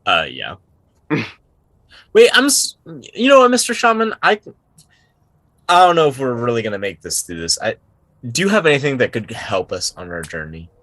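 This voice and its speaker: A man's voice: on the low side, sing-song, moderate pace, pauses often, a bit bright, no echo, low-quality recording. Guy at the d&d table, swears a lot, rambles, dry mic, bouncy voice. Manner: rambling, cheeky, swears freely. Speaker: player. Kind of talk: casual tabletop role-play.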